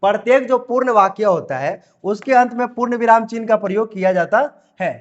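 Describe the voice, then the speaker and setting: Male teacher, high voice, patient repetitive explaining, muffled lo-fi recording. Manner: repeats phrases, reads examples slowly word by word. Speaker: Hindi grammar teacher. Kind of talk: classroom lesson explanation.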